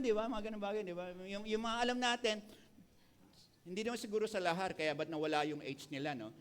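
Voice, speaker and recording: A middle-aged Filipino man with a Filipino accent preaching a sermon as pastor, switching between Tagalog and English with playful asides to the congregation. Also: high voice. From Philippines.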